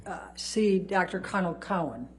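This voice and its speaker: A woman lawyer putting formal, deliberate questions to a witness in a courtroom recording. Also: fairly low pitch, animated, husky. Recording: courtroom recording with faint hum and noise.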